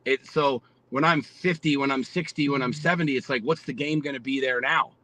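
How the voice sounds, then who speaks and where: On poor audio, a man in his forties with a mid-range, pushed, bright voice talks fairly quickly. As a guest in a relaxed podcast chat, he's blunt, curses constantly and sounds charged with motivational energy.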